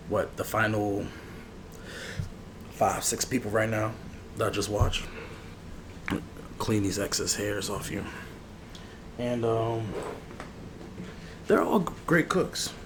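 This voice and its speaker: Long pauses break up the slow, fairly low-pitched speech of a man doing an ASMR barber roleplay. He chats and rambles in slang as if with a regular, and background noise is clearly audible.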